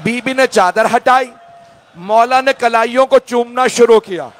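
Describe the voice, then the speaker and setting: High-voiced slow male preacher. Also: fairly bright tone. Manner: emotional, drawn-out storytelling. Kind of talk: mourning sermon recital.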